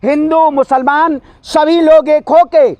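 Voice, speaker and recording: A man with a very high voice, recorded dry with no room sound, gives a heated political rant as an interviewee. Combative and emphatic, he keeps challenging the listener with rhetorical questions, though his steady, slightly mellow delivery is slow.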